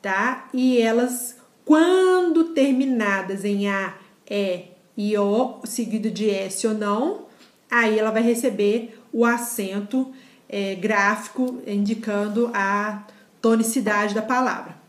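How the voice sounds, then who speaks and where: A woman's voice: medium pitch, takes it slowly, echoey room. A woman teaching a grammar lesson in a casual style, explaining step by step and often checking with the class. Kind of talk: casual lecture.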